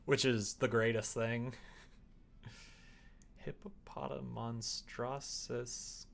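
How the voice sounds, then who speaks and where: Sitting at a computer desk indoors with keyboard typing in the background, a man chats casually on a live stream while he works, mostly muttering half to himself with sudden louder bursts. His medium-pitched voice is flat, creaky, and slow, and there's a little hiss or hum in the recording.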